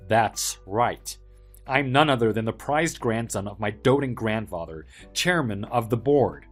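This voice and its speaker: An actor playing a polite, helpful young office worker with quiet backbone, speaking in an earnest, measured way in a dramatized story. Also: male voice, on the low side, animated, soft background music. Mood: calm, smug.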